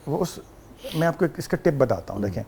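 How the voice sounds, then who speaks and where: This guest actor on a talk show has a Pakistani Urdu accent and a very animated, gravelly, mid-range voice with a darkish tone, plus a little hiss or hum in the audio. Relaxed and chatty, he spins anecdotes while mixing English and Arabic phrases into his speech.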